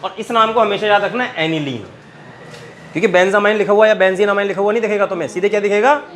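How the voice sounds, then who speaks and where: Indian male chemistry teacher, high-pitched voice, Hindi accent, keeps quizzing the class. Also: fast talker, fairly bright tone. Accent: Hindi-speaking Indian. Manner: keeps quizzing students, calls them beta. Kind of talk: classroom lecture at a board.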